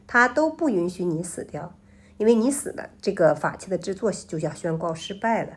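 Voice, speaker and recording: Casting: female suspense storyteller, lowish register, rough-edged husky tone, conversational and explanatory, halting with frequent rephrasing. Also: expressive. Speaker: storyteller host.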